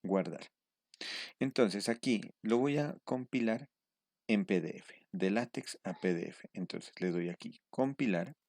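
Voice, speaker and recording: A man teaching step by step in a screen-recorded tutorial. He pauses often to check in with his students. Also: fairly low pitch, darkish tone, dry recording, clean studio sound. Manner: patient step-by-step explaining, checking in with a questioning "mm". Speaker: instructor.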